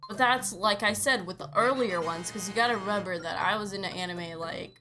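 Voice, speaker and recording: A woman's voice: mid-range voice, brisk. Young woman ranting casually on stream. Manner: animated, casual, swears. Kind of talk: casual gaming stream chat. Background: game music.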